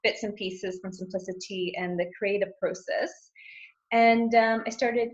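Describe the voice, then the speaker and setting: A woman's voice: medium pitch, steady tone, measured pace. A middle-aged woman, a guest coach, chatting casually in an interview, rambling and laughing often. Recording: roomy, dull lo-fi sound.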